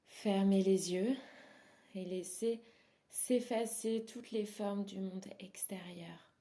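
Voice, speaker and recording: A yoga nidra instructor guides a meditation very slowly in a medium-pitched voice with fairly even intonation. She speaks softly and soothingly, pausing between short phrases, and some phrase endings fade into a breathy softness.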